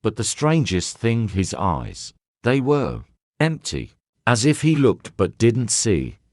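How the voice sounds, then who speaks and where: Man reading as a jittery nurse girl, halting answers, dry close sound. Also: mid-range voice, big pitch swings, a little mellow, no echo. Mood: nervous. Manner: hesitant, nervous answers. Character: young woman nurse, frightened and trembling.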